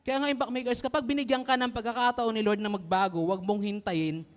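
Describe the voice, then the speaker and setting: A young man giving a lively, casual youth sermon, often teasing the audience and asking for agreement. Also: very high-pitched, a little fast. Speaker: youth preacher. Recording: long hall reverb.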